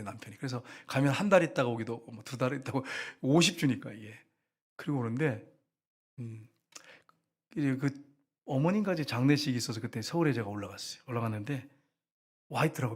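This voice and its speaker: A man's voice: mid-range voice, slightly rough. A middle-aged man preaching, a pastor telling a story animatedly in a sermon with quoted dialogue.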